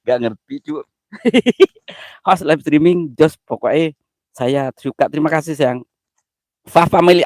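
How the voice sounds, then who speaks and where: A man's voice: medium pitch, mellow, no room sound. A man hosting a casual live stream, giggly and easily flustered, mixing slang with broken English.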